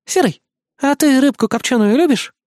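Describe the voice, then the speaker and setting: A man putting on a bright, squeaky young vixen, far above his own voice. She teases and rushes her words in a breathless storybook way. Dry, close recording. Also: animated, dry recording. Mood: sly. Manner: breathless, teasing. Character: chatty young female fox cook. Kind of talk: audiobook character voice.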